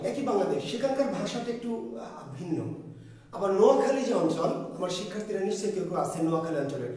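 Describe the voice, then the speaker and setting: A man's voice: sits high, darkish tone. A male teacher giving an online lecture, who asks his students questions and answers them himself. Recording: echoey room, voice far from the mic.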